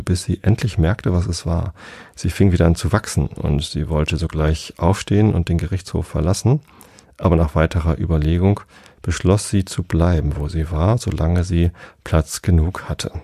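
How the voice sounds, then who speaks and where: A man calmly reading a storybook aloud as a bedtime audiobook. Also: deep voice, gravelly, slightly rough, dry recording, studio quality. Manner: calm, steady reading aloud.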